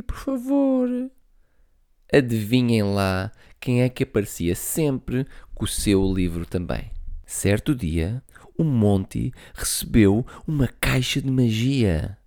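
A man reading a children's story aloud, lively and talking to young listeners. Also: fairly low pitch.

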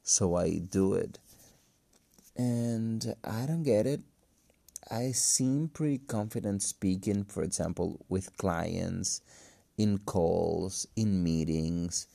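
A man who is a non-native English speaker, talking casually and haltingly in a solo podcast, with a cracking voice. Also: deep voice, vocal fry, mellow, no room sound. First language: not English. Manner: halting, hesitant, thinking aloud. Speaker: podcast host. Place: empty room. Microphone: phone.

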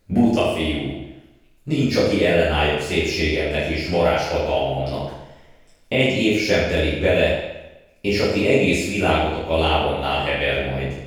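A man voicing a proud, cruel witch queen who speaks in a haughty, commanding way, with a heavy echo effect on the voice. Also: a bass voice. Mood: scornful. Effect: heavy echo reverb on the voice. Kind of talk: audiobook character voice. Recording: strong added echo, faint music.

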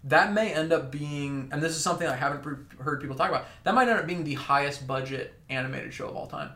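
A man's voice: fairly high pitch, quick pace, bright, forceful tone, echoey room. A man co-hosting a podcast, chatting eagerly as a fan. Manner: enthusiastic, chatty fan talk. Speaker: podcast co-host. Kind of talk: casual chat.

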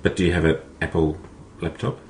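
Deep gravelly aussie guy hosting a podcast, rambly, keeps restarting, echoey room. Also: fairly even intonation, fairly quick, a little hiss or hum. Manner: rambling, many restarts and fillers. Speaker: podcast host. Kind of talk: casual podcast chat. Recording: echoey room, faint ambience.

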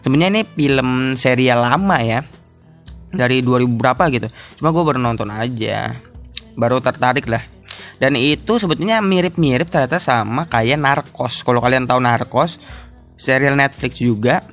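A young man hosts his own podcast alone, rambling through thoughts in a mid-pitched voice. He cuts himself off mid-word and laughs often, and faint music sits quietly under his talk. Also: animated, normal speed. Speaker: podcast host. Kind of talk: casual solo podcast chat.

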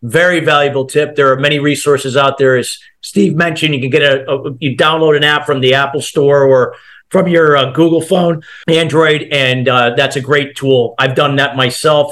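A man's voice: medium pitch, steady tone, normal speed, a bit bright. A man hosting an interview, chatting casually and affirming his guest's tips. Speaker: interview host.

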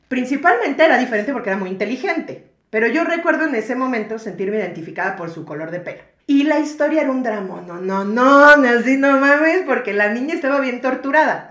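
A woman's voice: on the high side, fairly bright tone, echoey room. A woman with a Mexican accent, co-hosting a casual book chat, slangy and laughing often. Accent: Mexican Spanish. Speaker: podcast co-host. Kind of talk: casual chat about books.

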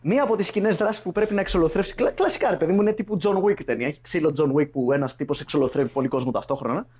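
A man's voice: a little high, darkish tone, slightly rough. A young man hosting a casual podcast chat, bantering loosely with friends and laughing often. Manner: laid-back banter, frequent laughing and swearing. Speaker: podcast host.

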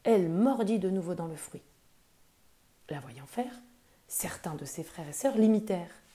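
A woman gently reading a children's wisdom tale aloud, soft and expressive. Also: lowish voice, a little slow. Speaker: storyteller.

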